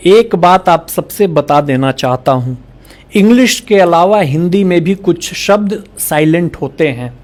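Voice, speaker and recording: High-voiced man telling rapid jokes. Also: animated, a little mellow. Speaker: joke teller. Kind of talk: reading out a string of jokes.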